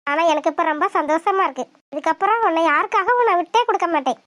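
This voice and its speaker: Woman voicing bold, lively young village girl. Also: very high voice, fast talker, faint music behind. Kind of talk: cartoon voice acting.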